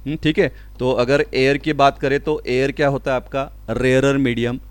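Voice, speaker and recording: A man teaching school physics in a lecture, explaining step by step, asking and answering his own questions, and reading out definitions slowly. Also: medium pitch, flat delivery, smooth, no room sound. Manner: mixes Hindi with English terms, reads definitions slowly. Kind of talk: classroom lecture.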